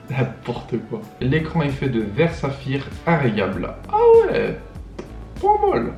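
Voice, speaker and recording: A young man hosting a reaction video, reading captions aloud and joking about them with lots of laughter. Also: mid-range voice. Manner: animated, laughs often, reads captions aloud then mocks them. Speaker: YouTuber host. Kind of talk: casual reaction commentary. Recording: echoey room.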